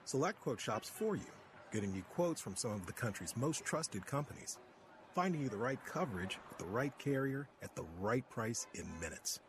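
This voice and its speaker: A man playing a persuasive, helpful insurance pitchman in a commercial, with an upbeat, salesy delivery. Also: big pitch swings, normal speed, background noise, lightly acted.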